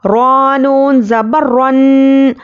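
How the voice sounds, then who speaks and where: A woman teaching Quran recitation, spelling out letters and vowel marks one by one and blending them into words, with brisker plain explanations in between. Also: high-pitched, steady tone, narrow, tinny audio. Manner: explains quickly in a conversational teaching tone. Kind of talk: slow syllable-by-syllable spelling drill.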